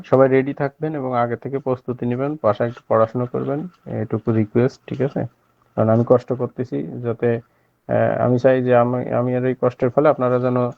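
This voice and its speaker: A man's voice: medium pitch, creaky, no room sound. A man teaching an online language class at night, explaining patiently with many filler sounds and checking that students follow. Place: home at night. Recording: slightly dull dry audio.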